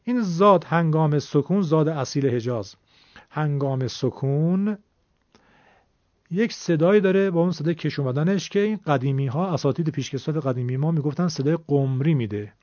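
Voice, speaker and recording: A middle-aged man teaching Quran recitation, explaining patiently and demonstrating sounds slowly. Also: on the high side, a little mellow, no room sound. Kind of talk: explanatory lesson. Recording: dull lo-fi recording.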